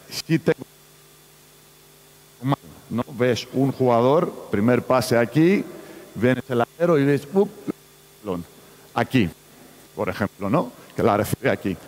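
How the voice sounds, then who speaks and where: A man running a basketball coaching clinic, talking in halting phrases with frequent restarts. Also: lowish voice, darkish tone. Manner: broken, halting delivery with many restarts. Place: large indoor sports arena. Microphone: far camera. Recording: echoey sports hall, from far off.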